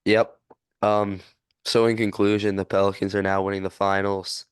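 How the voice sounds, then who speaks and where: Brief: man, low flat voice, smooth and dry-sounding, dry wit, sports podcast co-host. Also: moderate pace, no echo. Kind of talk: casual sports chat.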